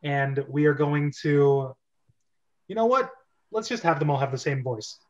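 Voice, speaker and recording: A man with a slightly high voice hosts a casual group script reading, reading stage directions at a measured pace. He's chatty and jokey, interrupting his narration with asides, and the recording's highs are cut off.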